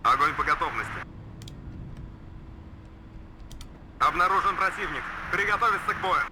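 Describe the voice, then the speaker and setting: An eager Soviet soldier in a war game, acted by a man, pitched high and swinging widely. He barks clipped military reports over very loud vehicle noise. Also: expressive, fast talker, lightly acted. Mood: brisk, alert. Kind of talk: shouted military unit responses in a war game. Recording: very noisy, vehicle rumble behind.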